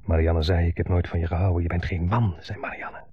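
A man's voice: low voice, little pitch movement, brisk, close to an everyday voice. An actor playing a bitter grown son dominated by his mother, delivering a brooding, intense monologue in a 1970s radio play. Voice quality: gravelly, husky. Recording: dull 1970s radio broadcast.

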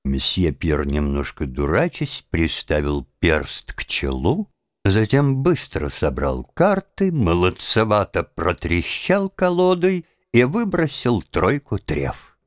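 A man reading a literary novel aloud in a measured, expressive way. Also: deep voice, no room sound, studio quality. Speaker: audiobook reader. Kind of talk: literary audiobook narration.

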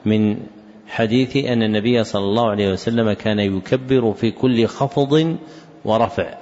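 A male teacher explains hadith narrations, pausing between short, measured phrases. His voice sits on the low side. The recording is dull, with a long hall reverb behind him. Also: darkish tone.

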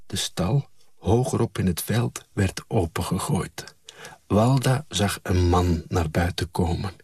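Slow husky male storyteller. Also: sits low, no echo. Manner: calm, measured storytelling. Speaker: audiobook reader. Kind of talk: scripted narration.

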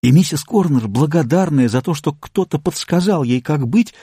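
A man reads a story aloud as an audiobook narrator, with lively, expressive pitch. His voice is mellow and the recording is close and dry. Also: normal speed, husky, dry recording.

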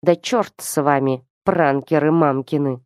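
Woman reading a gruff suspicious old man. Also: low-pitched, measured pace, no echo, studio quality. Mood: angry scolding. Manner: sharp, curt, interrogating.

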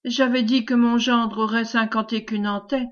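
A woman reading the lines of a firm old male farmer in a lower, grave voice. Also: fairly even intonation, moderate pace, close to an everyday voice. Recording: dull lo-fi recording.

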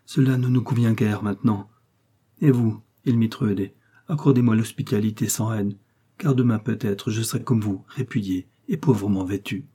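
A man reading aloud, voicing a frail, gentle young queen who speaks in a melancholy, resigned way. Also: on the low side, moderate pace, breathy edge.

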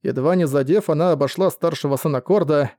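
Male narrator, measured storyteller, warm mellow timbre. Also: on the high side, no room sound, clean studio sound. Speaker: audiobook narrator. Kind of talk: scripted narration.

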